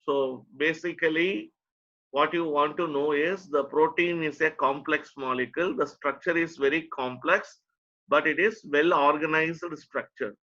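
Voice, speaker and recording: Dull lo-fi recording, Indian man, bright forceful voice, lecturer, repetitive step-by-step explaining. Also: fairly high pitch. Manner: repeats phrases for emphasis, simple step-by-step explaining. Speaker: teacher, lecturer. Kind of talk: online lecture to a nursing student.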